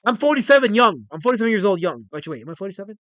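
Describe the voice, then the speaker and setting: A man in his forties hosting a casual livestream, excitable and rambling as he reads chat messages aloud. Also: sits high, racing, no room sound. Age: 40s. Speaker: livestream host.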